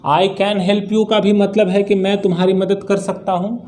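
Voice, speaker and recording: A man's voice: sits high, little pitch movement, measured pace, darkish tone. A man teaching a spoken English lesson, repeating each word in drills and answering his own questions.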